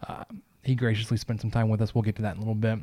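A man from Texas with a gentle giant voice, hosting a sports podcast in a loose, informal, conversational way. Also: fairly low pitch, level tone, rapid-fire. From Texas, United States. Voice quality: gentle giant voice, soft and big. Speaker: podcast host. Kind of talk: casual sports podcast chat.

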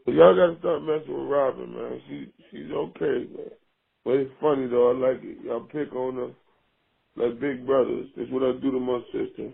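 A man calls in and leaves a warm, effusive voicemail, heard over a landline phone. His voice is husky and gravelly, squeezed through a narrow, tinny line. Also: mid-range voice, steady tone, normal speed. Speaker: caller leaving a voicemail. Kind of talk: casual phone message.

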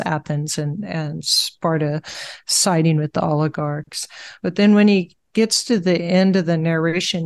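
A woman with a smooth, rather low voice speaks as an interviewer. Her delivery is unhurried and conversational, with reflective, tentative phrasing.

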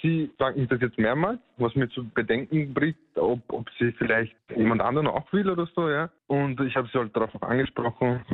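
A man's voice: medium pitch, a little fast, few pauses. A worried man phones in to a radio show and talks hesitantly, stopping and restarting. His voice comes through a thin, tinny phone line. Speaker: caller. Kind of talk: phone-in call.

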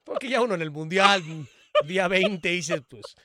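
A man's voice: high voice, lively intonation, moderate pace, sharp tone. A man with a Mexican accent bantering casually on a podcast, chatty and crude, often jumping in on his co-host.

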